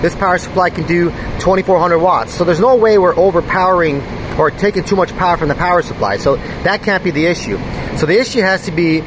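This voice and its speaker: A man's voice: sits high, fast. A man filming one-handed on a phone as he walks through a server room, explaining hardware problems while he checks the machines. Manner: talks while filming and handling hardware, thinking aloud. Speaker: mining farm operator. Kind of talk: casual hands-on walkthrough. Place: large indoor server room with fans. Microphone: handheld phone camera, filmed one-handed. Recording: loud fan and air conditioning hum.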